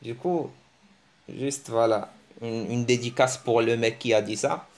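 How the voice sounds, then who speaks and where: A man giving a casual, joking online language lesson, teasing his viewers and breaking into animated bursts. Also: unhurried. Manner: joking, animated, teasing, with sudden pitch jumps. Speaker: language teacher.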